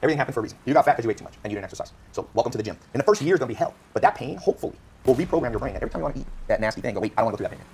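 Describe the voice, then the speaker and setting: A man talks at a very fast clip as a podcast guest. He tells motivational stories with strong emphasis and acts out the people he quotes. Faint noise sits under his voice. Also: medium pitch, lively intonation, gravelly, a little mellow. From United States (California). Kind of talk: animated motivational storytelling.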